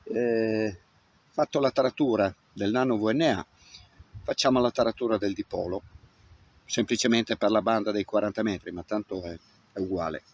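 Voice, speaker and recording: A man in his fifties, an amateur radio hobbyist, demonstrates antenna tuning in a casual hands-on tutorial, talking half to himself in an open grassy field. His lowish voice is unhurried. The camera mic, at varying distance, gives a dry, muffled, noisy outdoor recording with clicks.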